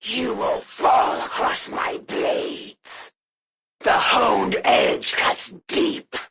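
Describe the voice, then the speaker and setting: A haughty alien assassin from a video game, zealous and menacing. Her delivery is slow and imperious, with a heavy gravelly rasp and wildly swooping theatrical pitch. Noticeable ambience sits behind the voice. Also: wildly swooping pitch, fairly bright tone, full character voice. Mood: ominous menace. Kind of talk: dramatic video game villain voice lines.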